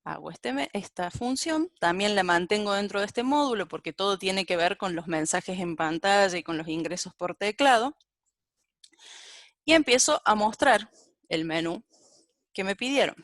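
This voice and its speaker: A woman's voice: medium pitch, normal speed, a bit bright, no room sound, studio quality. A woman giving a live-coding programming lecture and thinking aloud as she types and corrects herself. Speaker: programming teacher.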